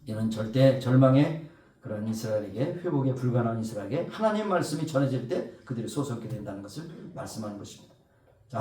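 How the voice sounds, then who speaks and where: A man's voice: mid-range voice, mellow, far from the mic. A man preaching a Sunday sermon in an echoey church, heard from a little way off the mic. His voice sits in a middle range, and he presses lines home with emphatic swells and rhetorical questions to the listeners. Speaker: pastor. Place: church sanctuary.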